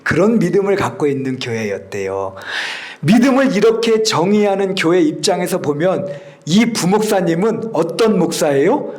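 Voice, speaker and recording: A man's voice: high voice, expressive, moderate pace, a little mellow. A man preaching a sermon as pastor, asking the congregation questions and acting out quotes with sudden whispers. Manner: dramatic, acts out quotes, drops to whispers.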